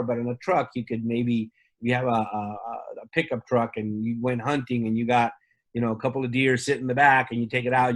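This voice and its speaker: A man from Argentina, a company representative, talking casually in an interview with many fillers and restarts. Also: medium pitch.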